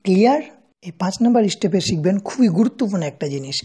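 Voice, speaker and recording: A woman's voice: medium pitch, animated, fast talker, warm tone, breathy edge. A woman hosting a screen-recorded app tutorial, walking through each step and often checking in with the listener. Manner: step-by-step, checks in with rhetorical questions. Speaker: tutorial host.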